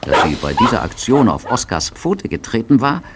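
A man narrating a radio drama in a measured storytelling manner. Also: medium pitch, wildly swooping pitch, very noisy. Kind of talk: scripted narration. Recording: narration over music.

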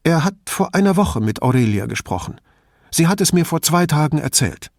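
A man's voice: on the high side, sing-song, vocal fry, no echo, clean studio sound, voice pushed up. A man voicing a worried, defensive woman professor who talks about her son in a storybook reading. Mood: anxious. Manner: tense and quick to bristle.

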